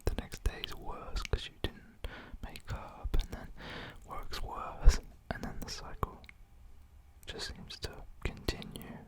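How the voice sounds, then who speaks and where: A man speaks at a slow pace in a breathy, soft whisper near the mic, rambling casually as an ASMR creator. He sounds gentle, informal and reassuring.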